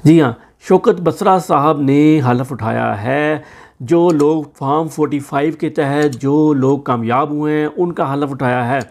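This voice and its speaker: A man with a Pakistani Urdu accent runs his own political news commentary. His voice sits fairly high. He talks with a sarcastic, mocking edge. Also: unhurried, a little mellow.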